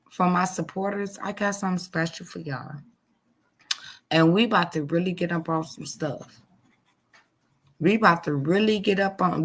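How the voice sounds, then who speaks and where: A woman in her forties chatting live with her viewers, leaning on her words and repeating herself for emphasis. She takes her time, unhurried, with a rough, gravelly fry running under her voice. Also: on the low side, fairly bright tone. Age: 40s. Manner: emphatic and repetitive, addressing viewers directly. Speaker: livestream host. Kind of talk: casual live chat to supporters.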